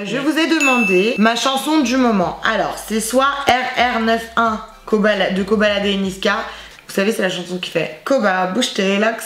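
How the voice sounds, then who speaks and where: A woman's voice: medium pitch, echoey room, a little hiss or hum. A woman in her twenties, from Azerbaijan, chatting playfully and self-mockingly with her viewers in a casual vlog. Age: 20s. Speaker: YouTuber.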